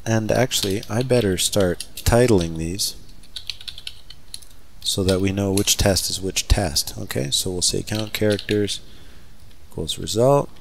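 A man teaching a software scripting lesson over a screen recording, talking casually and thinking aloud with fillers as he types. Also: on the low side, a little slow, creaky, pauses often, slight background noise. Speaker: software trainer. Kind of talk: screen-recorded coding tutorial.

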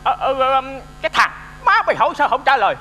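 A quick, joking old Southern husband. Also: male voice, extremely high pitch, sing-song, bright, forceful tone, heavily acted. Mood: teasing. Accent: Southern Vietnamese. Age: older. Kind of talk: stage comedy sketch. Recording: reverberant stage with faint music.

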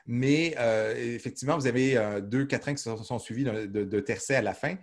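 A man's voice: medium pitch, brisk. A man teaching a literature class, answering students' questions with frequent hesitations and restarts. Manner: hesitant, many "euh" fillers and restarts. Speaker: literature professor.

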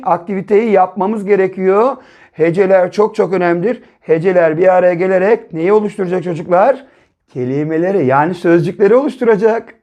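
A man teaching young children to read and write, explaining slowly step by step, repeating syllables and often checking with them. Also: high-pitched, darkish tone. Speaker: primary school teacher. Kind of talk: early reading and writing lesson for children.

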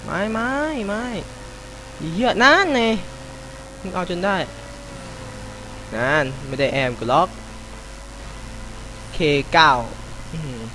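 Young man, casual game commentary, excitable outbursts, swearing, mock prayers, faint background hiss. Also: a little high, rough recording. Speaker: gameplay commentator. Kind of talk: casual let's-play commentary.

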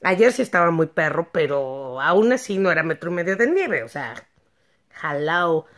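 A woman's voice: sits low, sing-song, moderate pace. A woman from Mexico City with a Mexico City Spanish accent, telling a story in a slangy, crude and humorous vlog from her bed at home. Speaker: vlogger.

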